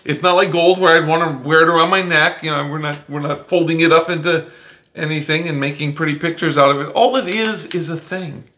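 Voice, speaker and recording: A man's voice: a little high, steady tone, fairly quick, bright, forceful tone. A man casually explaining economics with a playful, questioning manner, often laughing as he talks. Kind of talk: casual teaching chat.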